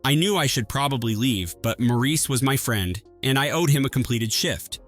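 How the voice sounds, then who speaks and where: A man's voice: medium pitch, faint music behind. Man narrating a first-person story. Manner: even, measured storytelling.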